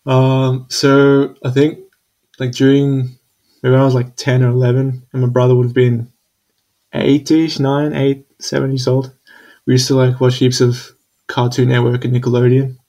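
A man's voice: medium pitch, monotone, moderate pace, dark tone. A young man in casual chat, laid-back and hesitant, with many fillers. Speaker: conversation partner.

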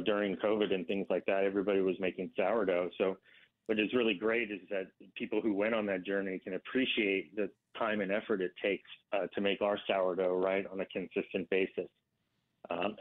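A man speaking as a company representative, answering conversationally as a guest in a radio interview. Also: low-pitched. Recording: narrow, tinny phone line.

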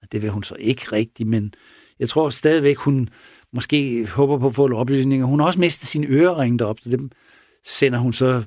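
A man who is a police officer, retelling a case in a casual interview, halting with pauses and restarts. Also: mid-range voice, a little mellow, no echo, clean studio sound. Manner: halting, with many pauses and restarts, acts out quoted speech. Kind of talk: casual spoken storytelling in an interview.

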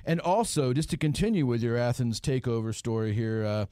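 A man's voice: mid-range voice, animated, a little fast, warm tone, no room sound. A man with a neutral American accent, speaking casually as a podcast co-host. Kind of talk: casual chat.

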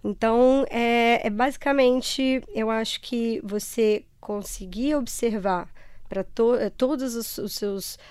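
Clear-voiced Brazilian woman with a Rio accent. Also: on the high side, takes it slowly, darkish tone, no room sound. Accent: Brazilian, Rio de Janeiro (carioca). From Ceará, Brazil. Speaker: interview guest. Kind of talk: conversational personal interview.

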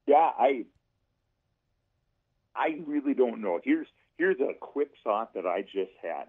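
A man talking casually about politics on the radio, haltingly, repeating himself as he thinks aloud. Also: medium pitch, lively intonation, husky. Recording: dull, muffled radio sound.

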